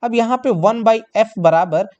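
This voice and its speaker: A man with a high-pitched, slightly mellow voice speaks slowly on a lo-fi recording. He is teaching a tenth-grade science exam lesson at the board, calling his students children and answering his own questions as he works through each step.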